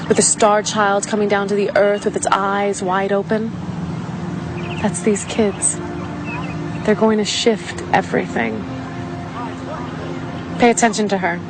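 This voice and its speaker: A woman's voice: medium pitch, close to an everyday voice, poor audio. A woman acting as a middle-aged mother of a psychic boy, earnest and explanatory, in a naturalistic film drama.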